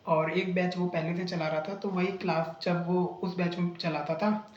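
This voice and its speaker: Recounting a bad coaching experience in his vlog, this young man has a high voice and flat delivery at normal speed. His telling is chatty and indignant, stuffed with fillers and restarts, and the lo-fi audio carries an echoey room.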